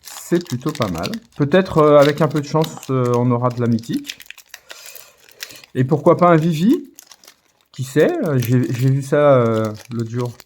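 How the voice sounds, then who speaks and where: A man of middling pitch chats casually as he opens card packs on camera. He hesitates a lot, fills the gaps with filler sounds and restarts his sentences. He slows right down to read out the card names one by one. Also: darkish tone, a little hiss or hum. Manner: reads out foreign card names slowly. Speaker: card-opening video host. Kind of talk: casual commentary while opening packs.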